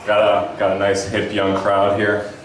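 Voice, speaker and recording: A young man doing a stand-up set with a laid-back, halting delivery full of fillers. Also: fairly low pitch, monotone, a little hiss or hum. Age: young adult. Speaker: stand-up comic. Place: club stage. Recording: echoey room from far off.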